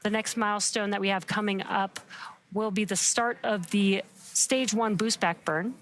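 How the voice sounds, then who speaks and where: A woman's voice: fairly even intonation, a little slow, a bit bright. A woman giving upbeat, explanatory live launch commentary. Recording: very noisy feed with rumbling background.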